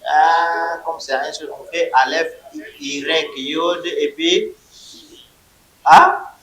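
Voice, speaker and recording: A male teacher leads a classroom lesson, calling out words for his students to repeat. He speaks slowly in a fairly high voice. The room is echoey and boomy around him. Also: steady tone. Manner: drills vocabulary in loud call-and-response. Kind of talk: classroom lecture.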